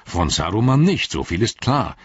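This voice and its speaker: A weary aging king, proud but full of doubt, as a male narrator plays him, with a low, husky voice. He speaks earnestly and tiredly, like an old ruler worn out by war, in a storybook reading. The sound is dull and dry. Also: sing-song, moderate pace, no room sound. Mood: questioning.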